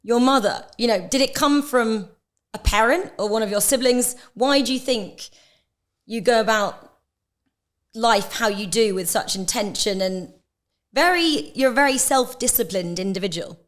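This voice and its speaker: Female interviewer, higher pitch, friendly and probing. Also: normal speed. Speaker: podcast host. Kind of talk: interview questions.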